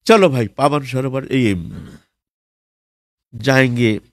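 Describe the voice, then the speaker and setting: A man preaching a devotional storytelling sermon in an unhurried way, often pausing with fillers. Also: medium pitch, no room sound, clean studio sound. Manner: unhurried, with frequent fillers and restarts. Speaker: religious preacher.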